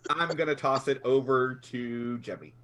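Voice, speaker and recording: A man's voice: medium pitch, steady tone, moderate pace, heavy background noise. A man hosting a casual group chat and handing over to the players. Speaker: host.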